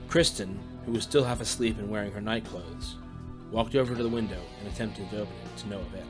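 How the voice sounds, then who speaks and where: A man with a lowish voice reads scripted story narration quickly as the narrator of an audio drama, with music playing beneath him.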